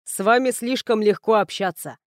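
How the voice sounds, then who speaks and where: A woman reading an audiobook, voicing a composed young male noble master in a level, steady tone. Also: mid-range voice, normal speed, dry recording, studio quality, natural voice. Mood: calm. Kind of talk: audiobook character voice.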